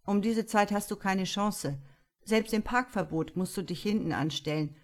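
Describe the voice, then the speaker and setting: A woman reading as a gruff cynical male cop. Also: mid-range voice, normal speed, close to an everyday voice. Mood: grumbling. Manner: gruff, sarcastic. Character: grumpy cynical male police detective.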